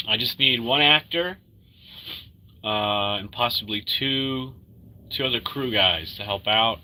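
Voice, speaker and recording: A man with an American accent and a very bright, forceful voice at an average pitch. He chats casually to livestream viewers in laid-back, upbeat slang, often saying the same short phrase several times in a row. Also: slow. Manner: repeats short catchphrases over and over. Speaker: livestream host.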